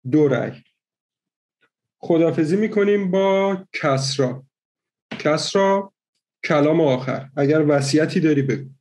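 A man hosting an online party game, counting out votes slowly and methodically. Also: a little high, expressive, a little mellow, a little hiss or hum. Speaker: game host.

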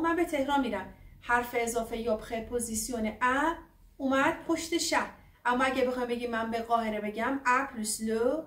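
A woman's voice: fairly high pitch, distant mic. Woman teaching French in an echoey room. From Iran. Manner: slow, drawn-out dictation of French examples between quick explanations. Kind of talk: language lesson.

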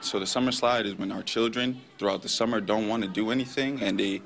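Young male counselor, rapid low-pitched speech with vocal fry, off the cuff. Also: steady tone, fairly bright tone. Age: young adult. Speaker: literacy counselor. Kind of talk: spontaneous interview answer. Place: indoor school corridor. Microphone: handheld reporter microphone. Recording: faint background noise.

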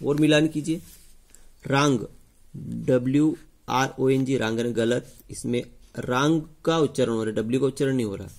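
Going through test answers with his class, a male teacher talks at normal speed in a mid-range voice with a darkish tone. He repeatedly turns key points into questions for the class and then supplies the answers himself.

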